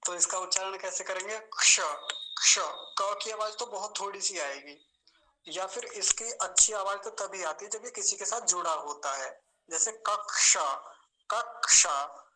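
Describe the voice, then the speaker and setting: A man teaching an online class on pronunciation, patiently explaining and slowly repeating sounds to demonstrate them, speaking over a video call. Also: high-pitched, sharp tone, rough recording. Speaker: Sanskrit teacher.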